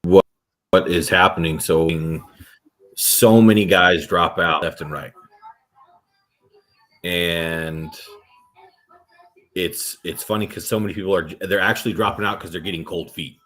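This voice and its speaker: Low-voiced man in casual podcast banter. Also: measured pace, long pauses. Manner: profane, animated storytelling with acted quotes. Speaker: podcast host and armwrestler.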